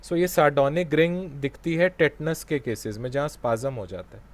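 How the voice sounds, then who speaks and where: A man's voice: fairly high pitch, normal speed. A man teaching an online exam-prep class with an Indian English accent, mixing Hindi and English and quizzing his students. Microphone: video call.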